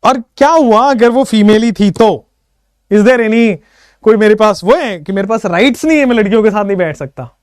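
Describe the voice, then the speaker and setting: A man's voice: high voice, normal speed, dry recording, clean studio sound. A man teaching chemistry in a casual online lecture, playful and teasing, mixing in English phrases and chanting memory tricks in a sing-song way. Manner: lively, sing-song when reciting mnemonics.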